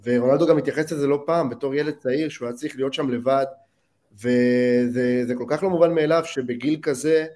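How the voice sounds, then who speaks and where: A man's voice: medium pitch, steady tone, a little mellow. Male podcast co-host, medium voice, reflective, thinks aloud with fillers. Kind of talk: casual chat.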